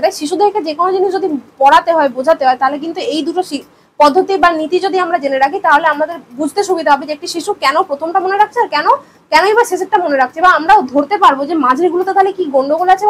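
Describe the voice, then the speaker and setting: A young woman in her twenties, a teacher, gives an exam-prep lecture in a very high voice, explaining with everyday examples and rhetorical questions and mixing in English terms. The audio is poor, with a little hiss or hum.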